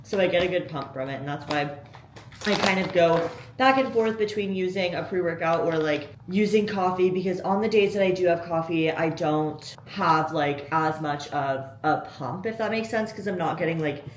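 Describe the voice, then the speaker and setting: A young woman vlogging her day into a handheld camera, chatty and candid, with a slightly low voice for a woman. She talks freely to her viewers, with plenty of fillers and quick asides. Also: a little hiss or hum, poor audio. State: out of breath after cardio. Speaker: fitness coach and competitor. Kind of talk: casual vlog talk to camera. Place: gym, then outdoors by a road.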